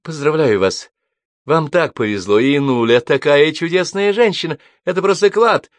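Timid young woman guest, raised pitch, breathless and nervous, put on by a male narrator. Storybook. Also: normal speed, dry recording, close to an everyday voice. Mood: flustered.

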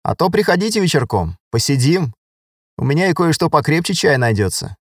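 A man raises his voice to play a woman army sergeant of about forty in an audiobook, brash and inviting. She teases with a lifted, higher tone. The recording is dry and close. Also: very animated, a little fast, no echo. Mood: flirty. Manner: bold, teasing, inviting.

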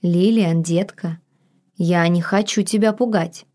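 A woman reading an audiobook, voicing a possessive, seductive man with a low, husky voice in slow, hushed, drawn-out lines. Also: fairly even intonation, close to an everyday voice. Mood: commanding.

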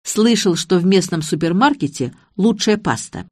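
A woman's voice: expressive, normal speed, darkish tone, no room sound, clean studio sound. A woman voicing a cowardly, evasive middle-aged businessman who whines and shrieks in panic, in an audiobook. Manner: whiny, evasive, shrill when panicking.

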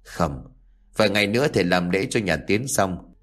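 A man's voice: low-pitched, lively intonation, normal speed, a bit bright. A man doing a weary, muttering village father. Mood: grumbling.

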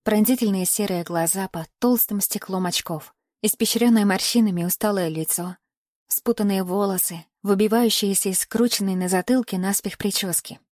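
A woman's voice: mid-range voice, moderate pace, darkish tone, no room sound. Woman narrating in a dry, close voice. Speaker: audiobook narrator. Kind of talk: scripted first-person narration.

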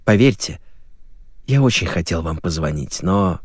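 A man's voice: low voice, animated, measured pace, breathy edge, no room sound, studio quality, exaggerated voice. A man voicing a remorseful man who bluntly confesses. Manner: plain-spoken, confessional.

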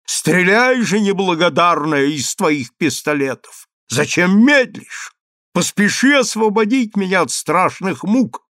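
A man's voice: mid-range voice, gravelly, dry recording, studio quality, heavily acted. A man reading an audiobook, voicing a passionate scheming vizier who pleads in a theatrical, ardent way. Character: passionate scheming middle-aged male vizier.

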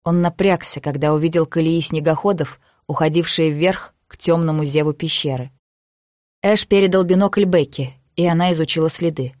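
An audiobook narrator giving a measured, even reading of a thriller novel. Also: mid-range voice, no echo, studio quality.

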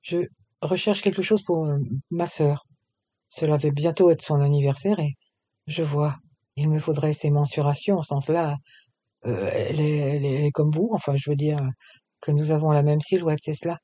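A man's voice: a little high, fairly even intonation, moderate pace, warm tone, dry recording, natural voice. A man doing a shy young suitor. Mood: awkward. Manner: hesitant, stumbling.

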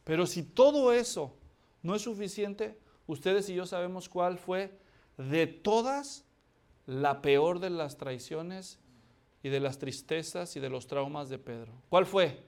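A man's voice: high-pitched, expressive, slow, a little mellow. A male pastor delivering a dramatic sermon, acting out scripture and firing rhetorical questions at the congregation.

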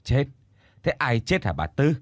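Story figure: man playing a frail, slow old village woman, hard of hearing, halting and confused, dry close sound. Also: medium pitch, very animated, no room sound.

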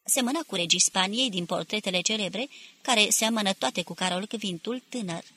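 A woman narrating a novel as an audiobook, reading evenly and deliberately. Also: medium pitch, sharp tone, dry recording. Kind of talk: scripted literary narration.

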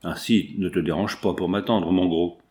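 A man voicing a sharp-tongued young redheaded chorus girl, snapping back with dismissive retorts. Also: low-pitched, fairly even intonation, normal speed, pitched below the performer's own voice, natural voice. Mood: snappish.

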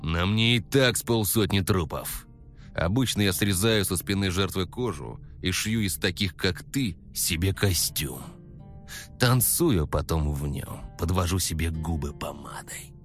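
A man reading a story aloud, voicing a cocky young man who poses as a creepy maniac and talks in quiet, menacing, whispery tones with sinister chuckles. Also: low-pitched, expressive, a little slow, faint music behind.

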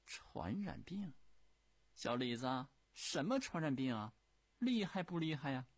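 A man's voice: on the high side, big pitch swings, a little slow, breathy edge, dry recording, pitched above the performer's own voice, full character voice. A man voicing an aging, imperious empress who teases her servant. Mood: curious. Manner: imperious, teasing. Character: aging imperious empress, teasing yet fearful.

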